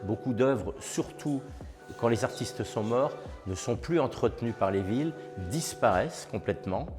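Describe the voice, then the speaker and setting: A man speaking as a town official in charge of culture, explaining an exhibition at a measured pace with frequent hesitations and restarts. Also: mid-range voice, lively intonation. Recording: long reverb with faint music behind.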